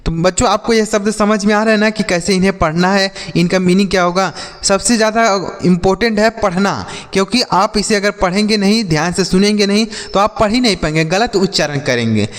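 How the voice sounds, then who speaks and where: A man teaching English reading as a slow lesson, spelling words letter by letter and repeating each answer for his pupils. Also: sits high, in a large hall. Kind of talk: classroom-style spelling lesson.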